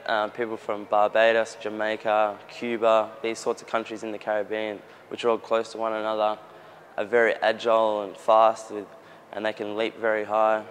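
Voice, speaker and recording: A young Australian man answers interview questions outdoors, earnest and casual, often restarting his sentences. His voice sits low and stays level. Faint street noise runs behind him. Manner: earnest, with frequent restarts and fillers. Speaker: soccer player. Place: outdoors near a gym in a built-up area.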